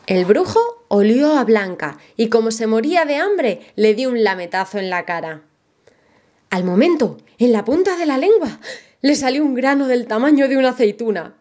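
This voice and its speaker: A woman reading a children's story aloud as storyteller, in an expressive storytelling manner. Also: fairly high pitch, normal speed.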